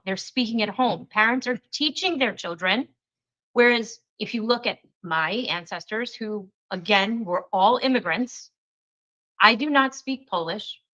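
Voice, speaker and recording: A woman co-hosts a casual talk show, making her points earnestly and with emphasis. Her voice is medium in pitch and a bit bright, and the lo-fi recording sounds slightly dull.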